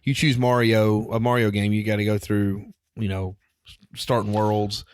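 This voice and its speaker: Upbeat man with a low voice. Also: flat delivery, moderate pace, clean tone, no room sound, studio quality. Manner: chatty and upbeat, laughs easily. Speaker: podcast co-host. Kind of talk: casual chat.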